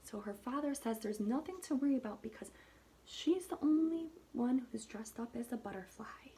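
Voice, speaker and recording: This kindergarten teacher brings a storybook to life for little listeners, reading expressively in short phrases and pausing to ask them questions. She has a fairly high, mellow, and expressive voice.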